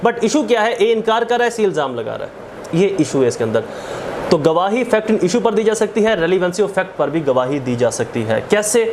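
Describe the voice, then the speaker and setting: A law lecturer, a man with a high voice and a Pakistani accent, teaches through worked examples in a very animated, didactic way at normal speed. He repeats his points, asks rhetorical questions and answers them, and mixes English legal terms into his speech. Faint background noise sits under the recording.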